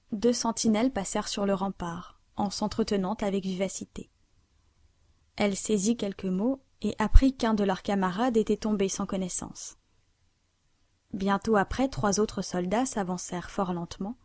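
A woman narrating a classic novel aloud in a measured, even reading style. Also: mid-range voice, no room sound. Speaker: audiobook narrator.

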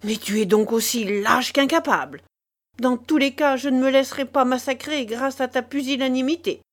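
A woman's voice: very animated, unhurried. A woman reading a story, putting on the voice of a shrewish, sarcastic bourgeois wife who scolds her husband. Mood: alarmed. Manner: scolding, shrill, contemptuous.

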